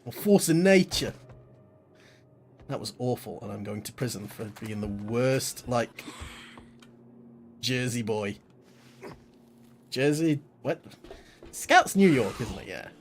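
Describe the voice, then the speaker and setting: A man's voice: medium pitch, slow pace, pauses often. Goofy guy streaming a game at home, rambly chat, hiss in the background. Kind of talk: live game stream commentary. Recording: steady background noise.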